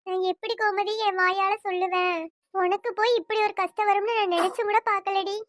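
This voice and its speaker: Woman doing a squeaky-high village auntie, pleading and apologetic, dry close mic. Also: fairly even intonation, brisk, fairly bright tone, no room sound. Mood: earnest. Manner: pleading, apologetic, repeats 'akka'. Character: worried village woman, family friend. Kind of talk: cartoon voice acting.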